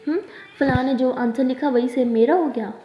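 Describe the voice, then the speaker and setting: A woman's voice: high-pitched, fairly even intonation, moderate pace, lightly acted. A woman voicing an affectionate, teasing young woman, in a roomy, dull recording.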